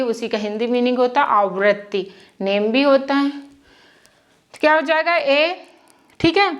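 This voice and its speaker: High voice lady teacher, real slow, spells names out bit by bit. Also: a bit bright. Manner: patient, repeats and checks with "ठीक है"; sounds syllables out slowly. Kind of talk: slow spoken lesson.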